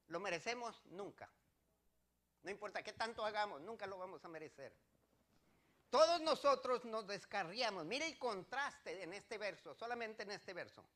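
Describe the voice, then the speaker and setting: A male pastor preaching a sermon, firing rhetorical questions at his congregation and swinging between loud declarations and quiet asides. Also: sits high.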